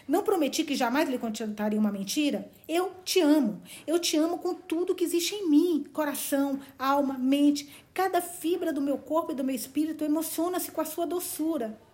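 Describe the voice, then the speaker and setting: A woman's voice: high voice, normal speed, few pauses, a little mellow, voice pushed up, close to an everyday voice. A woman reading the lines of an ardent, blunt young man from a novel. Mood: passionate.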